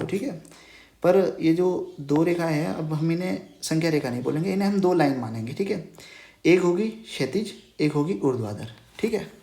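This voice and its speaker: This Hindi whiteboard math lesson comes from a man with a fairly high, darkish voice, recorded with a roomy echo. He patiently turns key terms into questions and checks in with "okay" after almost every phrase.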